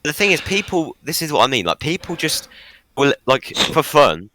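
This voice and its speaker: A man's voice: on the high side, sing-song, moderate pace, pushed and bright, slight background noise, poor audio. A man co-hosting a podcast in casual chat, telling rambling stories with many fillers. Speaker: podcast co-host.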